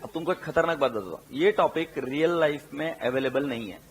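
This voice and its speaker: In a classroom lecture on accountancy, a man with an Indian English accent blends Hindi and English, slowly repeating key terms for dictation and putting questions to his students. His voice is a little high and animated, with a faint hiss or hum in the recording.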